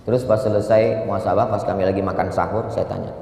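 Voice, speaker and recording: Preacher in a reverberant hall. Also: male voice, quick pace, gravelly, slight background noise. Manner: animated storyteller, jumps to high voice for quotes. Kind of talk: sermon. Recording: reverberant hall with faint ambience.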